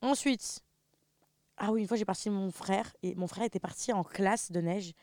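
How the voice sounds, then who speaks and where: A woman's voice: mid-range voice, normal speed, no echo, studio quality. A young woman, co-hosting a jokey casual chat. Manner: jokey, bursts into loud laughing exclaims. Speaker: co-host.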